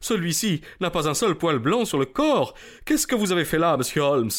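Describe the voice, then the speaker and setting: In the style of a French radio drama, an actor plays a proud, agitated colonel who owns racehorses. The male voice is fairly high at normal speed, excitable, and stammers whenever he gets flustered.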